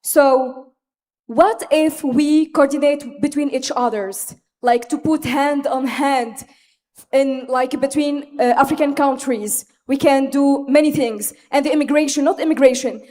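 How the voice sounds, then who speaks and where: Young Tunisian-accented woman, native Arabic speaker, high voice, earnest halting floor speech, reverberant hall. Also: mellow. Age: young adult. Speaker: audience speaker at a youth forum. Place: conference hall, microphone from the floor. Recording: echoing large hall with long reverb.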